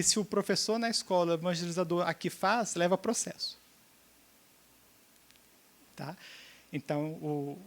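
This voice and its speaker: High-voiced man teaching a seminar. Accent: Brazilian Portuguese. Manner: checks in often with the audience, acts out quoted dialogue. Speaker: seminar speaker.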